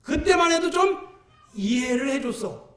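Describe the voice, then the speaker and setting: Animated older man preaching in echoey church. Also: very high-pitched, a little slow. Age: 60s. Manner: animated storytelling with shouted bursts and acted-out voices. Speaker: pastor. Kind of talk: sermon. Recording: echoey church sound from a distant mic.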